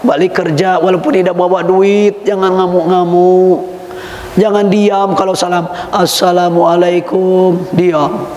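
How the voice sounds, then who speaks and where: High-voiced preacher man in an echoey hall. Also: darkish tone. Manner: jokey, acts out household scenes with big pitch swings. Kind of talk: sermon. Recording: echoey hall with faint noise.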